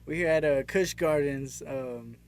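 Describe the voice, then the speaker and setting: A man from Texas hosts a laid-back interview in a voice that sits a little high for a man. He talks loosely and in slang, hyping up his guest and asking open questions. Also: measured pace. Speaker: interview host. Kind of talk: casual interview chat.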